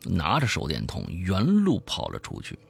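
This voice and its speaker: A man who hosts a show, telling a scary story in the first person, swinging from hushed to loud. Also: sits low, wildly swooping pitch, moderate pace, gravelly, breathy edge. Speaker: host reading a listener's story.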